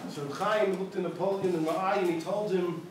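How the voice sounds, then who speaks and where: A man, a rabbi, telling a story to a gathering in a synagogue with an animated storyteller's manner, dropping in Yiddish words. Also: high voice, brisk. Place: synagogue hall. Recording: very echoey hall, distant mic, noisy.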